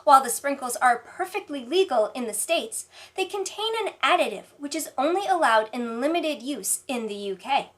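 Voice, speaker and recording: A woman delivering scripted parody news as an anchor, in a deadpan newsreader manner. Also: high voice, normal speed, hardly any pauses. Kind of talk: scripted mock newscast narration.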